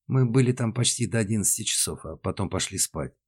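A man's voice: lowish voice, expressive, fast, breathy edge, voice pushed up. A man voicing Dayneka, an earnest, slightly flustered young woman questioned on a train in an audiobook.

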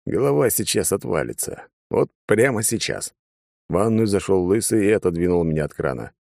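A man reads a comic sci-fi audiobook in the first person with a wry, sardonic edge. His voice sits very low. The sound is dry and close-miked. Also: animated, moderate pace, vocal fry, a little mellow, dry recording. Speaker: audiobook narrator.

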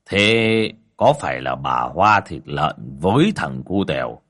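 A man's voice: a bass voice, sing-song, slow pace, a bit bright, voice pushed down, full character voice. A man voicing a stern old male exorcist, commanding and impatient. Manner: commanding, scolding.

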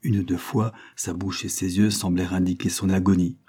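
A man narrating a classic novel as an audiobook, reading in a measured, expressive way. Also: low-pitched, breathy edge.

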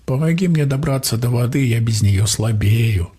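A man voicing a proud, trapped male water spirit with a gurgling, grunting voice, speaking slowly and drawn out. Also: medium pitch, animated, dark tone, breathy edge. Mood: pleading. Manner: pleading then haughty, drawn-out slow speech.

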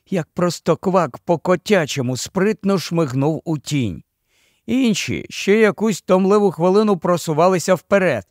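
A man narrating a fantasy audiobook in an even, storytelling delivery. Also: high-pitched, no room sound, studio quality. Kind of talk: scripted narration.

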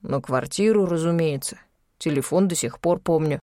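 A cheeky rogue of a man, put on by a woman reading an audiobook, talks in folksy slang and wheedles, lowered a touch below her usual pitch. He sounds sorry for himself and slippery in the same breath. The recording is close and dry. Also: moderate pace, warm tone, no echo, natural voice. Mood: wheedling. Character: cheeky, fibbing man, a folksy secret agent. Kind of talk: audiobook character voice.

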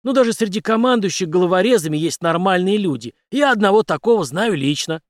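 A self-assured ex-captain who answers with brisk, wry confidence. A man voices him in an audiobook with a raised pitch and a dry, close sound. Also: expressive, dry recording.

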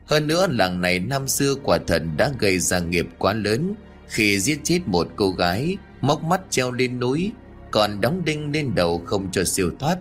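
A man voicing a calm older male monk master who speaks in a measured, instructive way, in an audiobook ghost story. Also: fairly low pitch, soft background music. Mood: steady.

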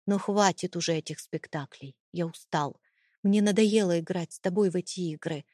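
A woman's voice: lowish voice, normal speed, a little mellow, no room sound, clean studio sound, lightly acted. Woman voicing an icy, mocking husband. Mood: cold menace. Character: cold, contemptuous, domineering husband, adult man. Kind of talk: audiobook character reading.

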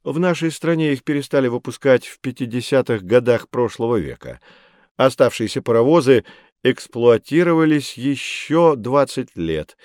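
A middle-aged man plays a patient history expert in a scripted audiobook for children, speaking in a natural, medium-pitched voice. He explains calmly and in measured steps, captured with a studio microphone for clean studio sound with no room sound.

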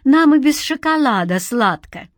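A woman's voice: sits high, expressive, measured pace, no echo, studio quality, voice pushed up. A woman voicing a playful, affectionate young woman in an audiobook. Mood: tender. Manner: teasing, coaxing. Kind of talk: audiobook character voice.

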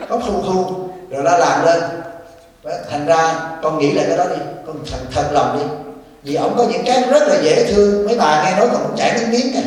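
High-voiced monk in an echoey hall. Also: male voice, distant mic, a little hiss or hum. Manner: teasing, animated, addresses listener as child. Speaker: abbot giving Buddhist counsel. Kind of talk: informal Dharma talk, counseling a woman.

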